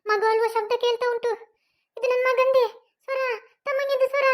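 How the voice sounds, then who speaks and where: A woman's voice: very high voice, steady tone, moderate pace. A woman voicing a worried, protective mother with a Mangalore Kannada accent, fussing over and scolding her young son.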